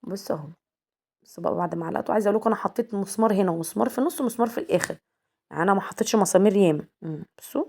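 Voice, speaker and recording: Speaking with a medium pitch and warm tone, a young homemaker vlogger with an Egyptian accent talks casually to her viewers, calling them girls and asking for their opinion in a home vlog.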